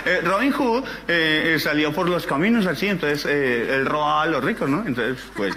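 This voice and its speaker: A man's voice: a little high, expressive, normal speed, noisy background, natural voice. A Colombian-accented man playing a bumbling joke-teller who keeps laughing at his own jokes and stumbling over his words. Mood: giggly. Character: bumbling giggly male joke-teller, silly. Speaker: stand-up comedian on a TV comedy show. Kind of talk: stand-up joke telling.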